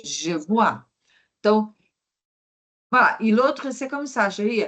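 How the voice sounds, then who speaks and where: Woman French teacher, very slow pace, repeats each word for practice. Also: mid-range voice, big pitch swings, fairly bright tone. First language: Portuguese. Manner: repeats words slowly for pronunciation drills; switches between French and Portuguese explanations. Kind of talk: online language lesson.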